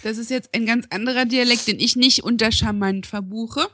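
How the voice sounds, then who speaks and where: A woman from Saarland, co-hosting a podcast and chatting casually with dry, relaxed storytelling. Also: on the high side, a little fast, no echo. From Saarland, Germany. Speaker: podcast co-host. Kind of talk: casual chat.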